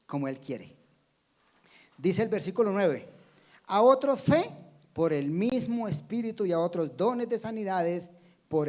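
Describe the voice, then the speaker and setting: A man preaching a sermon as a pastor, animated and acting out the voices of people in his stories. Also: high voice. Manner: animated preaching, acting out quoted voices with sudden loud bursts.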